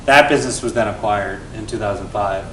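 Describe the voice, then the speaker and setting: A man in his forties, a venture investor and guest speaker, telling his founder story to an event audience in an energetic, conversational way that often tags points with "right?". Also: brisk. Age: 40s. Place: event venue before an audience. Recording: roomy, distant mic with faint rumble.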